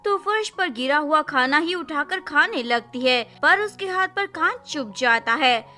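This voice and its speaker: A woman narrating a drama recap in a brisk, plain storytelling style, mixing English words into Hindi. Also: high-pitched, bright, forceful tone.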